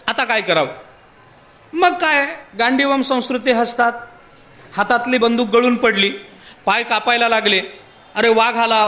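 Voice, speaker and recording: A man giving a devotional discourse, telling a parable and putting rhetorical questions to his listeners. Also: extremely high pitch. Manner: poses rhetorical questions to the audience; animated storytelling with parable. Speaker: spiritual discourse speaker.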